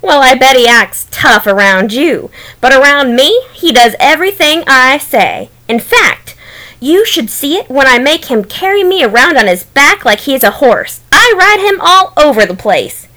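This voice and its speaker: A woman voicing a boastful, lovestruck trickster male rabbit who flatters and wails for show. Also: high voice, a little slow, hardly any pauses, heavily acted. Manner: flattering, showy, theatrical wailing.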